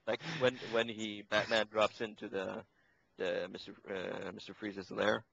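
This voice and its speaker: A man chats on a podcast in a low voice, animated and quick to laugh. His mic sounds dull and very dry. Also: gravelly, no room sound. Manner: animated, laughs often, swears. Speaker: podcast co-host. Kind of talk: casual chat.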